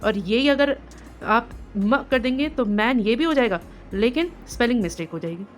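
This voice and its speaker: A woman teaching parents phonics, drawing out each letter sound slowly and patiently as she explains how to blend them. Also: on the high side, animated, faint music behind. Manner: slow, drawn-out sounding of letters. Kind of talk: home phonics lesson.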